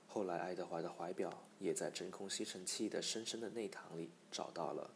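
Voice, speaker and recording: A man narrating a storybook in a measured, even manner. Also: sits low, vocal fry, a little hiss or hum. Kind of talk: audiobook storytelling.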